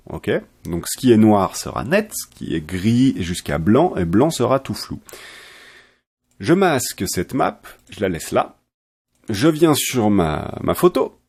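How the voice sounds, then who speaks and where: A man explaining software step by step in a chatty, self-correcting tutorial style. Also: medium pitch. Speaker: software trainer. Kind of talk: screen-recorded software tutorial.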